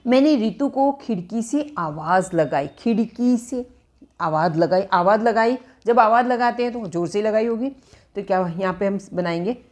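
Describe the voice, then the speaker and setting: A woman's voice: mid-range voice, expressive, normal speed, darkish tone. A woman teaching English phrasal verbs, repeating and dictating example sentences as she explains.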